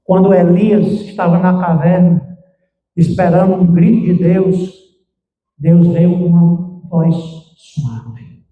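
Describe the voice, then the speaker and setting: Brief: high-pitched male pastor, preaching with emphatic swings, recorded from afar in an echoey, muffled church. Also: flat delivery, slow pace, distant mic. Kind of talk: sermon. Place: church sanctuary.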